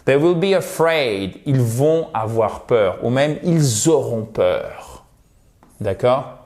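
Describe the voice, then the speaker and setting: Male online language teacher, middle pitch, slow pace, drills pronunciation by repetition. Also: animated, a little mellow. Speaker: English teacher.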